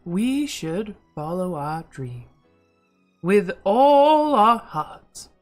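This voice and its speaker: A woman playing an older country gentleman chef in a slow put-on drawl. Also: mid-range voice, sing-song, soft background music. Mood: earnest.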